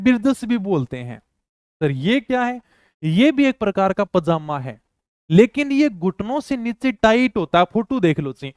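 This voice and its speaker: Male tutor, high voice, smooth and resonant, quizzes himself, dry recording. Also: no room sound. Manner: repetitive, explains terms again and again, asks and answers his own questions. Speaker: teacher. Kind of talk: exam-prep lecture.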